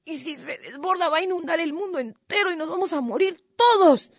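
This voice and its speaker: A woman's voice: very high-pitched, lively intonation, a little fast, no echo, clean studio sound, voice pushed up. A woman voicing a small, clever male guinea pig who tricks others, moaning and pleading in a whiny way. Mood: whining. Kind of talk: storybook narration.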